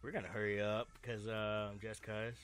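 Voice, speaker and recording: A man's voice: on the low side, flat delivery, normal speed, fairly bright tone, smooth. A man hosting a let's play with casual, playful gaming commentary, talking to the game and his viewers. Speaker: gamer host of a let's play. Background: game music.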